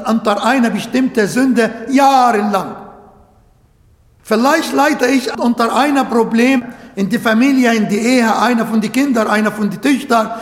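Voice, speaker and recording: Earnest male preacher, high voice, unhurried emphatic delivery, echoey hall. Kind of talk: sermon. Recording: echoey hall with long reverb.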